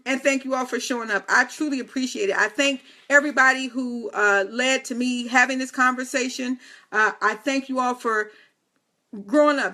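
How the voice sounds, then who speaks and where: With a fairly high, sharp-toned voice, a woman in her fifties chats directly with viewers while hosting a casual live video talk, slipping in playful, teasing asides.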